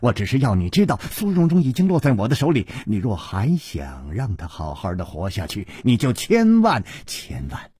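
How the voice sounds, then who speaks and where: A man voicing a scheming young male villain who speaks in slow, hushed, drawn-out threats, as part of a Chinese storytelling radio reading. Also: mid-range voice, wildly swooping pitch, husky, dry recording, studio quality, heavily acted. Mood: coldly calculating.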